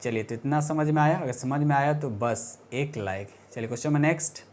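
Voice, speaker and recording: A man's voice: medium pitch, fairly quick, a little mellow. A man teaching a casual exam-prep science lesson, talking informally, repeating himself, correcting himself and checking in often with rhetorical questions.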